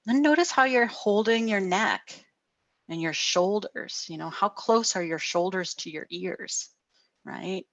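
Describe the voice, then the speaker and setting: A middle-aged woman counselor giving a gentle guided wellness talk over a video call, often asking "right?". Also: mid-range voice, unhurried, no echo, highs cut off. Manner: gentle, frequent "right?" tags.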